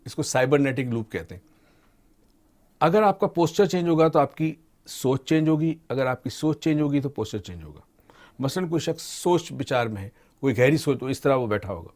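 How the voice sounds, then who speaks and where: A middle-aged man explaining ideas to a host in an unhurried teaching way, slipping English terms into his talk. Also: medium pitch. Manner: calm teaching tone, mixes English terms into Urdu. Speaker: expert guest on motivation and mind training. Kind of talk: explanatory discussion.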